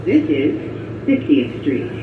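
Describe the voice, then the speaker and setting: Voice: big pitch swings, slow, phone-quality sound. An automated subway announcer voice made of spliced-together recorded words, stiff and evenly paced. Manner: stiff, evenly paced, pieced-together phrases with sudden pitch jumps between words. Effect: spliced-together recorded words over a train loudspeaker. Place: inside a moving subway car. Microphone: train loudspeaker picked up from across the car. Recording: echoey loudspeaker heard from far off with loud train noise.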